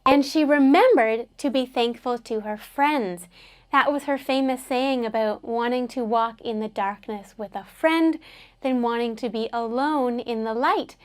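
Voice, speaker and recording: A woman's voice: a little high, unhurried, smooth. A woman teaching an English lesson, patiently explaining words and having learners repeat them after her.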